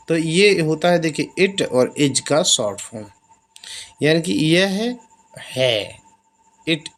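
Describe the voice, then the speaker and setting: A man teaching basic English in Hindi, explaining each example and repeating the phrases slowly. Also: on the high side. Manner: slow, drawn-out repetition of example phrases.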